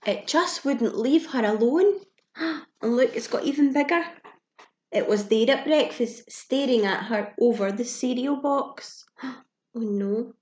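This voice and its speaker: At a measured pace, a woman reads a picture book to young children in a teacherly way, her fairly high voice expressive and simple, full of gasps, questions and asides. Slight background noise and an echoey room come through.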